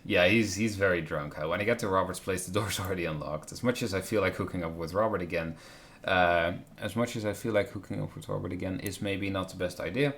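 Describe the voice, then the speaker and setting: Faint noise hangs over the live stream as a game streamer co-reads a visual novel aloud in a low voice, moving at a quick pace with a slightly bright tone. He keeps breaking off to toss in wry remarks about the script.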